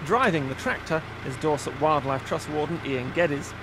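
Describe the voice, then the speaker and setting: A man's voice: fairly high pitch, moderate pace, background noise. A man narrating a nature-reserve documentary in a light, wry voice-over.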